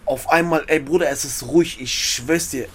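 Faint music plays behind this man's somewhat high, breathy voice as he speaks at a normal speed. He's a guest recounting prison stories with an urban German multiethnolect accent, using slang, performing dialogue and repeating phrases in lively, casual fashion.

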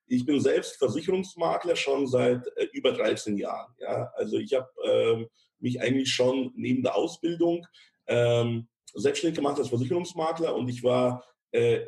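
A man's voice: mid-range voice, normal speed, creaky, a little mellow. A man in his thirties from Ukraine, talking as a podcast guest in a chatty way, full of fillers and a habit of ending phrases with "ja". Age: 30s. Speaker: podcast guest, insurance broker. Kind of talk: casual interview talk.

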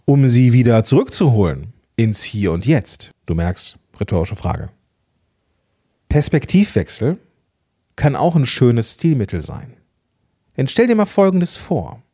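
A man hosting a solo podcast episode, giving tips in a casual, lively way, playing with emphasis and pauses. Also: medium pitch. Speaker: podcast host.

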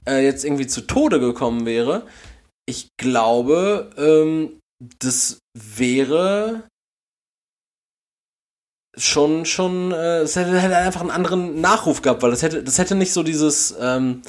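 A man's voice: a little high, animated, takes it slowly. A German man co-hosting a podcast, rambling through casual chat with many fillers and restarts. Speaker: podcast co-host.

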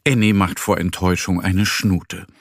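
A man narrating a children's story slowly and gently, with a husky voice. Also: sits low, dry recording, studio quality. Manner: slow, gentle, expressive.

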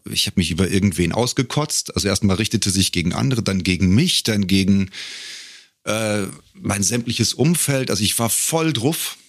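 A middle-aged man, a professional voice-over speaker and singer, chats casually as a podcast guest, telling anecdotes with a joking touch. His voice is on the low side, captured close-miked in a dry room with studio quality.

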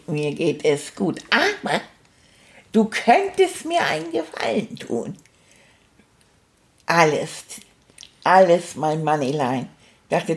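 A woman's voice: on the low side, a little mellow, exaggerated voice. A woman voicing a cheerful, cheeky male stuffed toy rat, retelling events in a chatty, rambling, fond way. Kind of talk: first-person storytelling.

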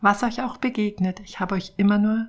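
A woman voicing a gentle, loving God in a storybook reading, speaking calmly and reassuringly. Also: medium pitch, fairly quick, natural voice. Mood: serene.

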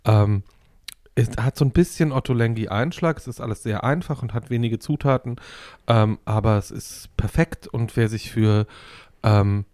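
A man in his fifties with a low, mellow voice chats on a podcast. He speaks in a relaxed way and pauses often with fillers. The sound is dry and close. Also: no room sound. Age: 50s. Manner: relaxed, hesitant with many fillers. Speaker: podcast co-host. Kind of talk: casual chat.

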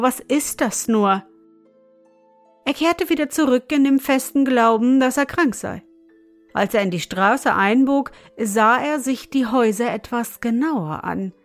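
A woman narrating an audiobook story in a measured storytelling manner. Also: a little high. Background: faint music.

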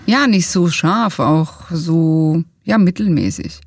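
A woman's voice: fairly low pitch, slow pace, vocal fry, a little mellow, breathy edge, no room sound. A woman coach explaining to viewers, asking rhetorical questions and laying out her points step by step. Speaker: coach and trainer.

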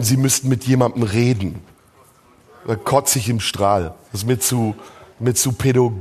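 A man's voice: mid-range voice, a little mellow. A man hosting a live comedy podcast on stage, ranting in a crude, sarcastic way. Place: live show in a tent venue.

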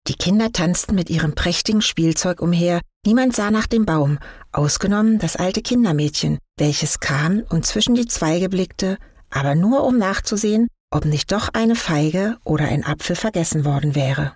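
Brief: woman reading a fairy tale aloud, calm and measured, husky, dry close recording. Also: fairly low pitch, no echo. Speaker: story reader.

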